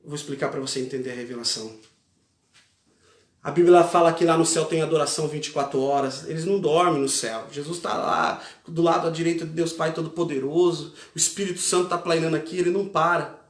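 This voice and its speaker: A man's voice: a little high, fairly even intonation, quick pace. A man with a Brazilian Portuguese accent preaching a fervent sermon as a pastor, repeating key phrases with emphasis. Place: church. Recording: echoey church hall.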